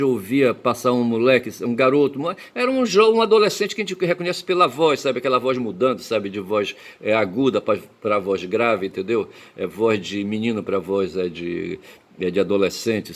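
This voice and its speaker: A man talks on at length in a rambling monologue, his voice sitting at an ordinary middle pitch. He swears freely and hangs a questioning tag on almost every phrase. He jumps from loud, emphatic bursts down to low, murmured asides. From Belém, Pará, Brazil. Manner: peppers speech with tag questions; profane, emphatic outbursts. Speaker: commentator.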